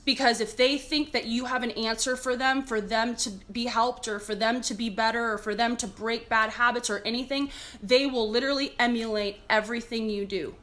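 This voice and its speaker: Earnest, higher-pitched Californian woman. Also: steady tone, brisk, a bit bright. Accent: Californian American. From California, United States. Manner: earnest, emphatic, conversational. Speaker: fitness leader and live streamer. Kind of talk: motivational talk to live stream viewers.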